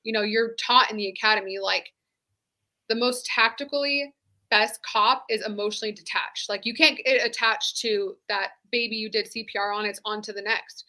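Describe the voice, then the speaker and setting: A woman's voice: mid-range voice, fairly even intonation, normal speed, sharp tone. A woman in her thirties, a former deputy, telling her own story in a candid, conversational way, full of "like.". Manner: candid, conversational, many "like" fillers. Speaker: interview guest, former sheriff's deputy. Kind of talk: casual personal storytelling.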